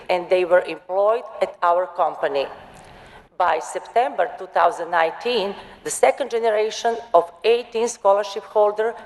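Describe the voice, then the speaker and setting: Woman presenting slowly in a large hall. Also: mid-range voice, a little mellow. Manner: slow, deliberate delivery with non-native grammar. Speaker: panel speaker. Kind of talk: conference presentation. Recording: hall reverb.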